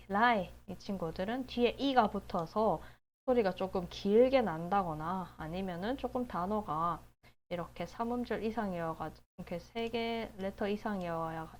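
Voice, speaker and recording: A woman teaching basic English phonics, explaining calmly and drawing out each word slowly. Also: medium pitch, slight background noise. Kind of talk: slow, explanatory phonics lesson.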